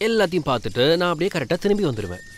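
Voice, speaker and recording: An actor dubbing a quiet young college student in a film, speaking plainly and gently. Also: male voice, on the high side, sing-song, rapid-fire, a little hiss or hum. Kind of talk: dubbed film acting. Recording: film soundtrack with music behind.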